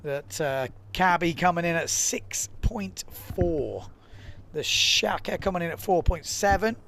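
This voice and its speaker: Man, live sports commentator, excitable, chatty, slightly high-pitched. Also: measured pace, creaky. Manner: excitable, chatty, lots of fillers. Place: commentary studio.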